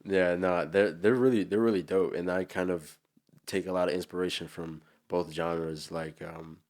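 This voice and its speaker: A man's voice: deep voice, fairly even intonation, normal speed, darkish tone. A man with a New Jersey accent, chatting casually and in a slangy, rambling way as a musician being interviewed.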